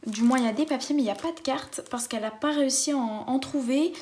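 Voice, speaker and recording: A woman's voice: high-pitched, quick pace, a little mellow, a little hiss or hum. A woman chatting enthusiastically as she unboxes a craft kit for her viewers. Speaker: craft vlogger. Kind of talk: casual unboxing chat.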